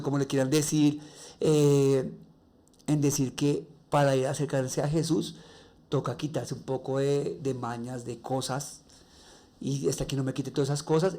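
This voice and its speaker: A man with a Colombian accent and a nasal, raspy voice, hosting a faith-based podcast monologue and sharing personal stories earnestly. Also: mid-range voice, warm tone. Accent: Colombian Spanish. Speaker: podcast host.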